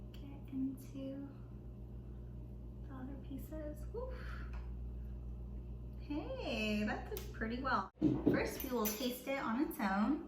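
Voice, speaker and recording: A young woman chatting casually as she cooks along, upbeat and excitable, recorded in her home kitchen. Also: fairly high pitch. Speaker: cooking vlogger. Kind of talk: casual cook-along chat. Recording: echoey kitchen with background noise.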